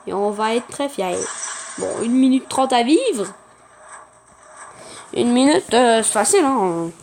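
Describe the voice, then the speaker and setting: Female gameplay host, high voice, excitable and chatty, noisy background. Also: unhurried. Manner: chatty, excitable, talks to viewers and opponents. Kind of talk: casual gameplay commentary.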